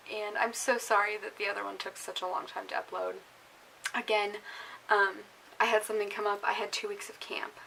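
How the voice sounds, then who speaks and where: A woman's voice: medium pitch, gravelly, bright, forceful tone, low-quality recording. A young woman chatting casually in a baking vlog, giggly, rambling and self-deprecating. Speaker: baking vlogger. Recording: faint hiss behind the voice.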